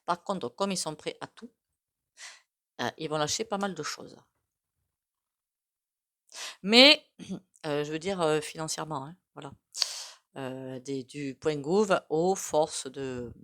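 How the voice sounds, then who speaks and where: A woman with a regional French accent talks through a tarot card reading in a loose, conversational way. Her voice sits a little low, and she hesitates often, wandering off into asides. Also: a bit bright. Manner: rambling, hesitant, many fillers and asides. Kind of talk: casual tarot reading to camera.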